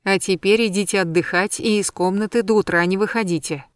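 Woman doing a stern young hotel owner, slow firm commands, audiobook voice, dry close sound. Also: mid-range voice, fairly even intonation, smooth, no room sound, lightly acted.

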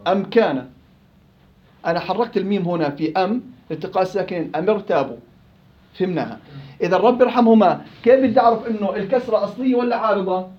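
A man's voice: high voice, animated, fast talker, roomy sound, dull audio. A man with a Levantine Arabic accent teaching Quran recitation rules in an interactive class, questioning and prompting his students.

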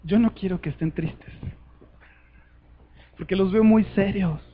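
A man preaching a sermon to a conference, urgent and fervent, swinging between loud appeals and hushed words. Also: sits high, measured pace, narrow, tinny audio, slight background noise.

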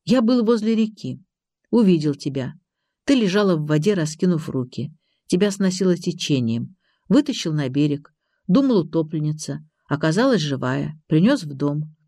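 A terse, soft-spoken loner man, as an audiobook reader puts him on. The voice is mellow and dark-toned. It sits close and dry, with no room sound. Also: medium pitch, animated, moderate pace, no echo. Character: reserved quiet young man, wounded loner. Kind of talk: audiobook character reading.

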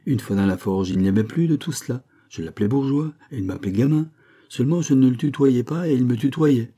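A man's voice: mid-range voice, fairly quick, mellow, voice pushed up, close to an everyday voice. A man voicing a jovial, boastful locksmith near fifty in a read-aloud novel. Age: middle-aged. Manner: chatty, boastful, laughing.

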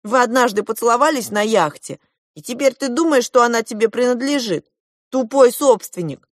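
A woman's voice: on the high side, expressive, moderate pace, no echo, clean studio sound, voice pushed up. A woman reading a storybook aloud and voicing a proud, argumentative boy prince from an undersea kingdom, with a haughty, lecturing tone. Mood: boastful.

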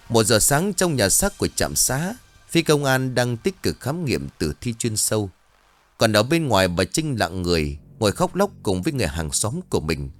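A man narrating a ghost story in a dramatic, expressive storytelling manner. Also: lowish voice.

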